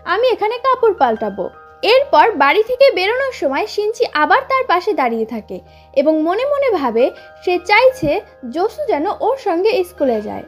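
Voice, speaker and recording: High, lively woman recapping a drama. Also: normal speed. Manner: chatty, addresses viewers directly. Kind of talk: storytelling recap with voiced quotes. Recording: narration over background music.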